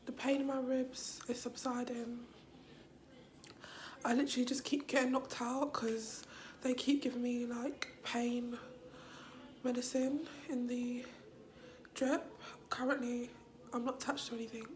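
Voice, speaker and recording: A woman vlogging from a hospital room after surgery, her voice hoarse and weak, often dropping to a whisper. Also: a little high, slight background noise. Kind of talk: casual vlog.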